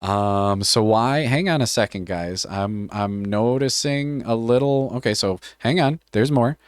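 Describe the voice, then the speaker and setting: Speaking a little slowly and smoothly at medium pitch, a man reads a policy aloud on a live stream while joking with his chat and swearing often. The audio is clean studio sound with no echo. He stays offhand and jokey, swearing freely.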